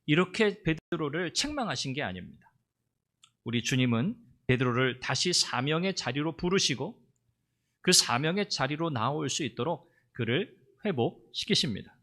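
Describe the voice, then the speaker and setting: Male pastor preaching in a measured way. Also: a little high, very animated, bright, forceful tone. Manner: measured, with rhetorical questions and filler interjections. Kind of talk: Sunday morning sermon.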